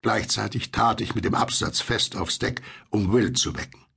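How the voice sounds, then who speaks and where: Deep, gravelly man narrating horror. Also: fairly bright tone. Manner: measured, suspenseful storytelling. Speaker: audiobook narrator.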